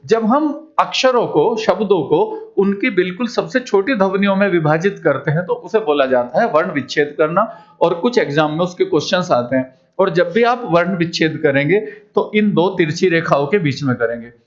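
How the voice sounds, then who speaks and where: A man's voice: high-pitched, animated, normal speed. A man teaching a Hindi class who explains step by step and asks questions that he answers himself. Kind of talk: classroom lesson. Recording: dull lo-fi recording.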